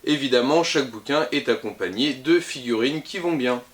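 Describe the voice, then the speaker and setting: A man's voice: mid-range voice, moderate pace. A man who works in a game shop, running through the week's new releases to camera in a chatty, upbeat way with frequent hesitations and self-corrections. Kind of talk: casual product roundup to camera.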